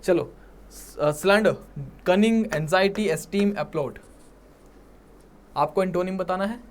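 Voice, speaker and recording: A man with a Punjabi accent teaching English vocabulary for an exam, mixing Hindi and English and often checking in with his students. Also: high-pitched. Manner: mixes Hindi and English, checks in with "ठीक है?" and "right?"; repeats words slowly for emphasis. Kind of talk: exam-prep vocabulary lecture.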